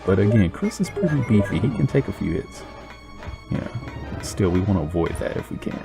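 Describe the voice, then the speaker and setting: A man's voice: low voice, sing-song, fairly quick, gravelly. A man hosting a let's play, making sarcastic, teasing jokes about the game as he plays. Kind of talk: joking gameplay commentary. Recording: commentary over game music.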